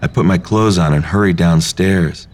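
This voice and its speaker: Deep low guy narrating a story, hushed and intimate, soft music behind. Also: normal speed. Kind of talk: first-person story reading.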